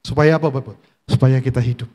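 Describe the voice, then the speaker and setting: A man's voice: medium pitch, fairly even intonation, fast talker, warm tone. A male pastor giving a church sermon in a conversational way, often turning to the congregation with questions.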